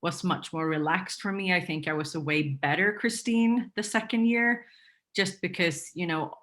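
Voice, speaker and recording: This interview guest is a Swedish woman whose native language isn't English; her casual chat is peppered with fillers and false starts. She talks at a normal speed in a fairly low, fairly bright voice.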